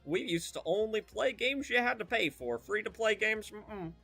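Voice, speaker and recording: Man putting on a high, grumpy old-timer. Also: animated, moderate pace, vocal fry, pushed and bright, husky, faint music behind, exaggerated voice. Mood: grumbling.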